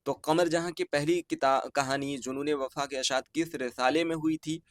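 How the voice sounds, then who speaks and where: A man with an Urdu-inflected Hindustani accent from Bihar, teaching online as he goes through an exam answer key, reading each question and its options slowly and then repeating the correct answer. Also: on the high side, steady tone, no room sound, clean studio sound.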